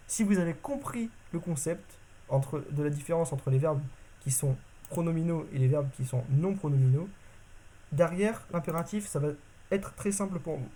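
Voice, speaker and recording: In a relaxed video lesson on a constructed language, a man with a warm voice on the high side speaks informally. He leans on fillers and frequently fixes his sentences partway through.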